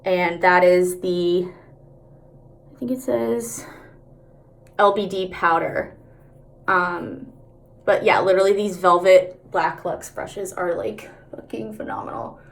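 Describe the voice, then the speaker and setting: A woman's voice: fairly low pitch, steady tone, takes it slowly, vocal fry, pauses often. A woman chatting casually through a makeup tutorial, candid, slangy and sweary, talking out of the side of her mouth.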